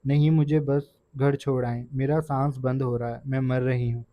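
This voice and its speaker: A frightened young wife pleads in soft, halting words, stumbling over repeats, as a male storyteller voices her. The sound is dull and dry, with no room around it. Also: mid-range voice, little pitch movement, no echo, lightly acted. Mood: sobbing plea.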